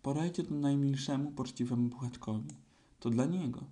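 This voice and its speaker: A man's voice: mid-range voice, a little fast, mellow, lightly acted. A man voicing a kind, earnest young boy in a storybook reading. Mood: excited.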